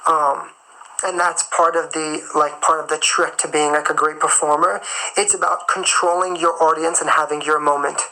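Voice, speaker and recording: This man's fairly high voice barely moves in pitch and keeps a normal pace, with a sharp tone captured on a low-quality recording. He's a singer and performer running a live stream, chewing gum through a motivational talk, stressing points and repeating key phrases.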